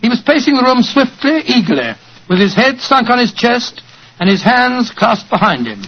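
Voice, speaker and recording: A muffled 1940s radio drama recording carries a genial older English doctor. His voice sits high for a man. He is avuncular and hearty, a loyal friend with old-fashioned turns of phrase. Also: big pitch swings, normal speed, full character voice. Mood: storytelling.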